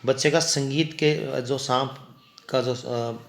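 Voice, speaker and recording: A man's voice: mid-range voice, fairly even intonation, slow pace, creaky. A man teaching a class. He reads an English story line by line, then explains it and spells out words. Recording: roomy echo.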